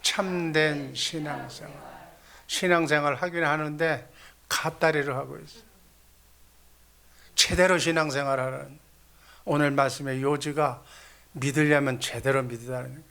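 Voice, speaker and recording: Bright-voiced man preaching an exhorting sermon. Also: a little high, fairly even intonation, normal speed, vocal fry, pauses often. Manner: exhorting, blessing the congregation in the Lord's name; leads call-and-response repetition. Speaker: pastor.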